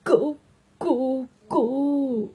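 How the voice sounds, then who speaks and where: A woman's voice: sits high, slightly rough, full character voice. Woman doing a tearful old grandmother bird. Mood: sorrowful. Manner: slow, tearful, distant calling. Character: sick old grandmother turned bird, sorrowful. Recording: loud guitar music behind.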